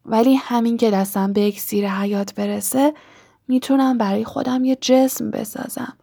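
Voldemort, a woman whispering as a serpent-faced dark lord. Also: fairly high pitch, steady tone, creaky. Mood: menacing. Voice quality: hissing whisper.

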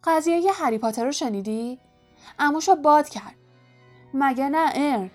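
A woman voicing Stan, an excitable, gossipy young male bus conductor who keeps asking for agreement. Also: sits high, faint music behind, pitched above the performer's own voice, close to an everyday voice.

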